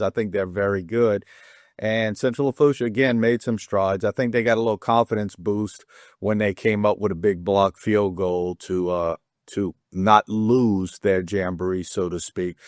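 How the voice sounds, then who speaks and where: Chatty, low-voiced man hosting a sports show. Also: dry recording, clean studio sound. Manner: rambling, chatty, restarts with self-deprecating jokes. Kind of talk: casual sports talk.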